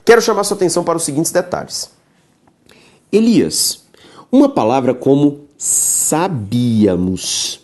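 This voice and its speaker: A man's voice: on the high side, lively intonation, a little slow, darkish tone. A man teaching a recorded grammar lecture, emphatic, keeps checking in with the listener and spells words out syllable by syllable.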